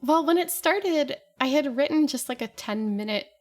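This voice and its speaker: A woman's voice: high voice, lively intonation, moderate pace. Chatty woman composer in interview. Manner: chatty, with frequent fillers and laughs. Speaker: composer and guest. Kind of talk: casual interview talk.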